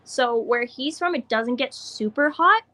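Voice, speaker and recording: A woman's voice: high-pitched, expressive, a little slow, pushed and bright. A young woman being interviewed as a guest, giggly and rambling, with lots of fillers. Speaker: guest, racer. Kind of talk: casual interview.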